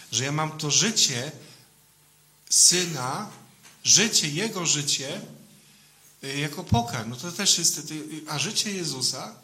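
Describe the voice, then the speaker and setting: Man, priest, informal sermon, conversational, fairly high voice, piercingly bright tone. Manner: conversational, keeps adding questioning tag "nie?".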